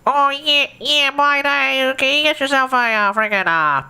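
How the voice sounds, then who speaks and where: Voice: high voice, measured pace, sharp tone, voice pushed up, heavily acted. A streamer putting on a nasal, rambling Australian druggo ordering at a petrol station, with an Australian accent. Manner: rambling, full of ums and self-corrections.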